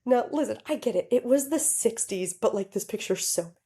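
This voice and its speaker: Giggly woman with a mellow voice. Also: on the high side, moderate pace. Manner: giggly, animated, talks straight to listeners. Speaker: podcast co-host. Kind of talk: casual storytelling chat.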